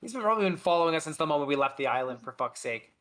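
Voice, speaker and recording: A man chatting casually as a tabletop game player, emphatic and quick to swear. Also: fairly high pitch, animated, a bit bright. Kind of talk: casual chat.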